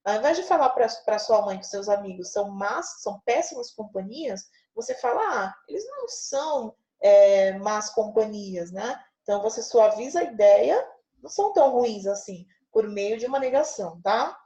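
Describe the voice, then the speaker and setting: Woman teacher, patient lesson explaining, higher voice, roomy echo. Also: lively intonation, a little fast, dark tone, dull audio. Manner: patient, checks in with frequent tag questions.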